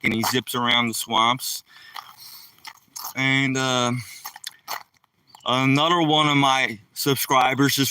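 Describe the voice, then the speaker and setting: On a live stream by a rural lake, a middle-aged man with a Philadelphia accent, from Philadelphia, rambles casually and talks straight to viewers while walking with his phone in hand. His medium-pitched voice sounds bright and forceful. The mic is far away, the audio poor, with a little hiss or hum.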